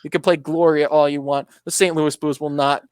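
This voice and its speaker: A man's voice: fairly high pitch, little pitch movement, a little fast, darkish tone, clear, resonant tone, no room sound. A man hosting a casual motorsport podcast, talking in a rambling, anecdotal way with many restarts. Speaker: podcast host.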